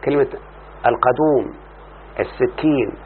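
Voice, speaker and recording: Unhurried and mid-range, an Egyptian-accented man leads a grammar lesson in Arabic morphology, reading from a text and explaining it. He keeps checking whether his student follows through repeated questions, recorded in tinny lo-fi sound with faint hiss.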